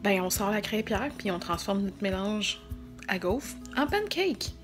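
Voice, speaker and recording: With music in the background, a woman in her thirties speaking with a Quebec French accent casually addresses her vlog viewers, making light of herself. Her mid-range voice is expressive and unhurried.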